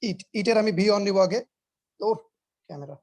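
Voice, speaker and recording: A man's voice: sits high, fairly quick, a little mellow. A man teaching English grammar in an online class, explaining patiently, repeating his points, quizzing students and mixing English words into his talk.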